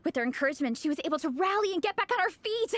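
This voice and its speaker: Gung-ho young club captain, very high and lively, quiet music behind; game cast. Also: female voice, rapid-fire, no room sound. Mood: eager. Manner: enthusiastic, earnest. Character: eager young woman leading a fan club. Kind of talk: game dialogue.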